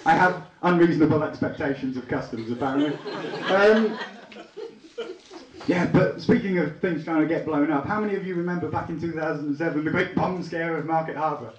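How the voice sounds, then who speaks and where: A man's voice: fairly high pitch, fairly quick, distant mic, highs cut off. A young man from England with a Leicester accent tinged with Liverpool, doing a stand-up comedy routine and bantering with the crowd. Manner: chatty, bantering with the crowd, bursts into excited yelps. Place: small theatre lounge with a live audience. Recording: echoey room, recorded from afar.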